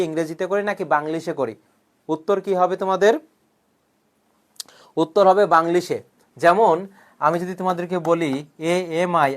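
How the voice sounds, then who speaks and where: Man drilling students with quiz questions. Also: a little high. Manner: jokingly threatens students who have not shared the class; clears his throat often. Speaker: coaching teacher. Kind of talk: online grammar lecture.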